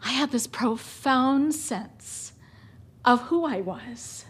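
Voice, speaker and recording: A woman's voice: high voice, slow, a bit bright, slightly rough. A woman telling a personal story on stage with a dramatic, vivid and emotive delivery.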